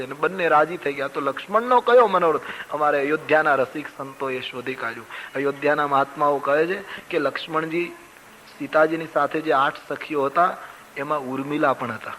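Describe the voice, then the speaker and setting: An older male preacher tells a devotional story, breaking into sung verses and chanted calls. His voice sits fairly high and rings bright and forceful. A faint hiss runs underneath the recording. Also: fairly quick, rough recording. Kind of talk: Ram Katha sermon.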